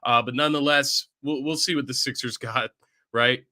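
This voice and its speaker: A man hosts a casual pregame sports show with a bright, forceful voice that is audibly congested. He talks in a loose, chatty way and keeps checking in with his listeners. The sound is close and dry, with no room around it. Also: medium pitch, fairly even intonation, normal speed, dry recording. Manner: chatty, often tags lines with "right?". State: congested from illness. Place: at home.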